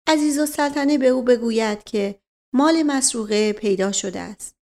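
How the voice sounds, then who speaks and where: A woman reading a novel aloud in a measured storytelling voice. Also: fairly high pitch, darkish tone. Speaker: audiobook narrator. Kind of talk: scripted narration.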